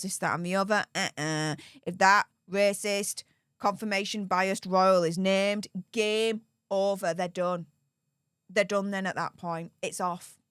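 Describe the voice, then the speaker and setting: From Yorkshire, England, a woman hosts a live stream and reads out donations with perky, gushing enthusiasm. Her voice is mid-range, fairly bright, clear and resonant, captured with clean studio sound and no room sound.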